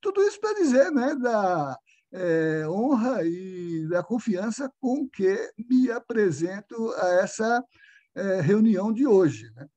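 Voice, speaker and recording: An older Brazilian man gives an academic lecture over a video call, speaking slowly and hesitantly with many fillers. His voice is high and dark-toned, with big pitch swings.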